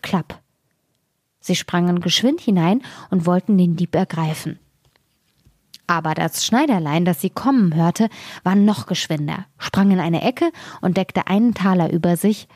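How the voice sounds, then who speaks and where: Calm woman reading a fairy tale. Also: mid-range voice, no room sound, clean studio sound. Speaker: storyteller.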